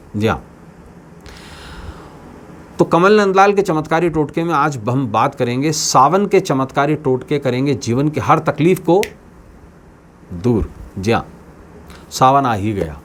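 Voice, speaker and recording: A man's voice: medium pitch, a little hiss or hum. A man hosting his own channel as an astrologer, addressing viewers in a scripted talk with emphatic, repeated phrases. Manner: declaiming, with emphatic repetitions. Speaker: astrologer host.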